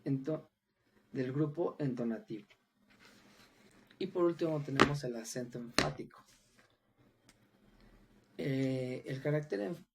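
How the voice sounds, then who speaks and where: A man's voice: mid-range voice, darkish tone, slight background noise. Hesitant man giving a class presentation. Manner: hesitant, with fillers and restarts. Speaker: student presenter.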